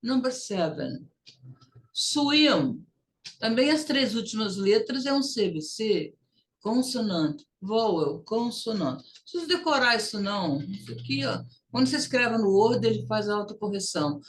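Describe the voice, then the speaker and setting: A woman's voice: on the high side, big pitch swings, a little slow. A woman English teacher, leading a recorded lesson and drawing out phrases for students to repeat.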